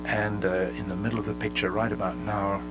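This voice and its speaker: A man giving halting, explanatory live commentary on video pictures. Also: fairly low pitch, flat delivery, loud music behind the voice, poor audio. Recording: faint background noise.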